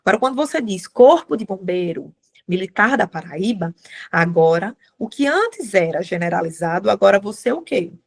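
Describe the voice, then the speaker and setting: A woman's voice: mid-range voice, sing-song, normal speed, vocal fry. A woman teaching a writing class live, chatty, often checking in with students. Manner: chatty, addresses students as gente, many tag questions.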